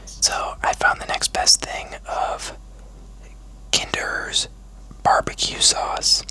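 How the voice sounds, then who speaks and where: A food vlogger speaking in an unhurried, casual, chatty whisper close to the microphone for an ASMR mukbang video. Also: sharp tone.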